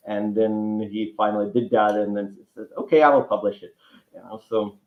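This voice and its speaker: A Czech man, a writing teacher appearing as a guest author, chats in a relaxed interview, his lowish voice level and moderately paced. He speaks with a Czech accent and rambles, restarting often and using many fillers. The recording is roomy, dull and lo-fi.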